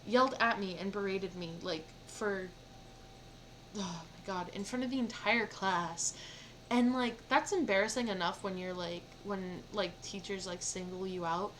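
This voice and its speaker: A young woman streamer telling a personal story in casual chat, rambling with lots of "like" fillers and animated feeling. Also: mid-range voice, unhurried, a little hiss or hum, low-quality recording. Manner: rambling, heavy use of "like" fillers; animated, emotional retelling.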